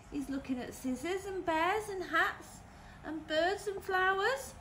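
Woman, nursery teacher, storybook read-aloud for small children, gasps, questions, high voice, faint background noise. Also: fairly bright tone. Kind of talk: reading a picture book aloud to young children.

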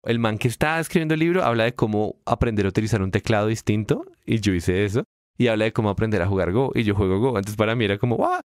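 A man co-hosting a casual podcast, explaining ideas with emphatic rises in pitch. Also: fast, no echo, studio quality. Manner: explanatory, animated pitch jumps when stressing points. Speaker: podcast co-host.

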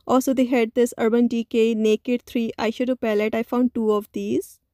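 A woman narrating a store shopping video in a voice-over, speaking slowly. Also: fairly high pitch, dark tone, dry recording, clean studio sound. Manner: slow, listy, with many "uh" pauses. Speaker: shopping vlogger.

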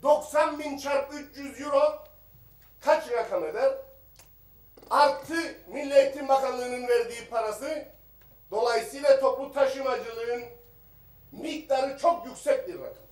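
A man speaks from a rostrum microphone in an assembly hall, his voice pitched high for a man. He argues combatively and repeats rhetorical questions at the minister. The sound rings around a roomy chamber, with him set back from the mic. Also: measured pace, recorded from a distance. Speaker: member of parliament. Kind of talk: parliamentary floor speech. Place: parliament chamber. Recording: echoey chamber, voice a bit off the mic.

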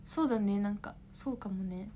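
A woman's voice: mid-range voice, brisk, warm tone. A young woman in her twenties, an idol chatting casually on a livestream, rambling, laughing often and answering viewer comments.

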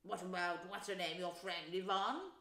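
Woman doing a gruff, blustering big uncle. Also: lowish voice, moderate pace, a bit bright. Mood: suggesting. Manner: blustering, threatening. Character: gruff, menacing, bullying large uncle. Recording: echoey room.

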